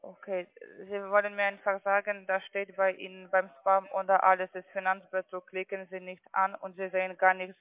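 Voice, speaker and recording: This sales call comes from a call centre agent offering trading accounts, a man whose first language isn't German. His high voice is completely flat and clean-toned, and he talks at a moderate pace with hardly any pauses, in ungrammatical, non-native phrasing, all heard through a muffled, narrow phone line.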